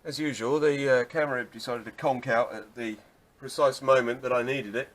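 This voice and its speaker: In a casual workshop vlog, a man restores an old car while chatting through the job at a moderate pace. His voice is medium in pitch and steady, and he rambles, makes wry self-deprecating remarks, and keeps restarting his sentences.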